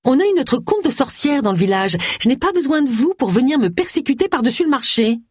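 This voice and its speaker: A hostile pastor's wife who barks at anyone at her door, played by a woman reading the story. Her voice jumps well above the narration and has a husky edge. It sounds close and dry. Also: sits high, big pitch swings, brisk, dry recording, pitched above the performer's own voice, full character voice. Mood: angry. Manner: barking, hostile.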